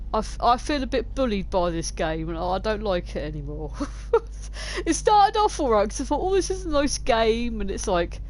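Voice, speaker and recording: A woman's voice: medium pitch, slight background noise. Joking, swearing woman streamer. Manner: self-mocking, swears a lot, laughs often. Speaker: game streamer. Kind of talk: casual live gaming commentary. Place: home streaming setup.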